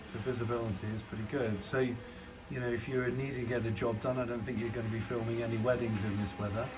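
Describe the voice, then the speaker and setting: A man reviewing drones talks through a casual demo on a garden patio while it rains, thinking out loud with hesitation. His voice is medium-pitched with little movement, and he speaks quickly. The outdoor recording is low quality, with clear background noise.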